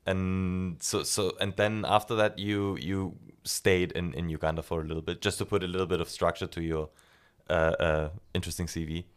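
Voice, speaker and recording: A man's voice: deep voice, fairly even intonation, normal speed, few pauses, clear, resonant tone. A man hosting an interview, asking friendly questions and answering with short agreements. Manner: friendly, with short backchannel replies. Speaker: podcast host. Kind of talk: casual interview chat.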